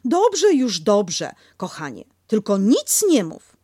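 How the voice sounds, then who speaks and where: A woman voicing a motherly female kangaroo who talks slowly, doting but firm, in a storybook reading. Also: medium pitch, huge pitch swings, mellow, husky, no room sound, studio quality, voice pushed up, heavily acted. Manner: slow, doting, bossy.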